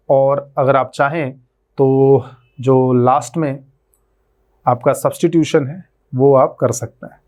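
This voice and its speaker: A man's voice: medium pitch, a little mellow. A man with an Indian accent teaching a math lecture, switching between Hindi and English, working through each step and checking in with his students. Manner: explains step by step, checks in with "right?" and "है ना?".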